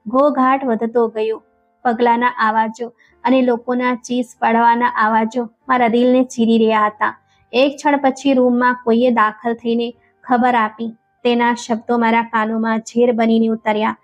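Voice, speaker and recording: A woman narrating an emotional first-person story in a slow, grieving, trembling way, in a dull lo-fi recording with faint music. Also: on the high side.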